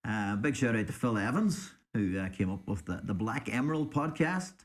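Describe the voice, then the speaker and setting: Low-voiced man chatting casually. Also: expressive, normal speed. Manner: hesitant, appreciative, chatty. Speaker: podcast co-host. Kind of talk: casual unscripted chat, reading out listener suggestions.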